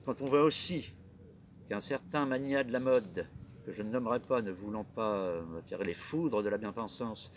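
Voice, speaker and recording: A man's voice: on the low side, moderate pace. Middle-aged guy ranting on his own show, theatrical, lots of rhetorical questions, bit of hiss behind. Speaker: host of a comedy web show. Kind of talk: casual monologue.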